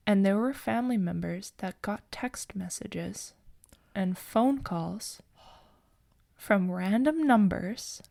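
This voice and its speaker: An earnest young woman with a mid-pitched voice shares a personal ghost story on a podcast, emotional and hushed at the spooky moments. The recording is close and dry, with no room echo. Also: slow pace, gravelly. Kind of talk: casual chat and storytelling.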